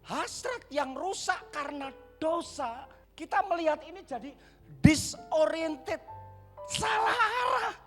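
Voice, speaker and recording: A man with a Javanese accent preaching a sermon in church, turning straight to the congregation and swinging between dramatic shouts and hushed whispers. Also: extremely high pitch, unhurried, soft background music. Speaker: pastor.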